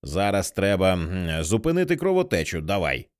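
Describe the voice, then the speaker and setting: A man's voice: low voice, very animated, moderate pace. A man voicing a cold, harsh young female gym teacher who gives curt commands in an audiobook. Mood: uneasy.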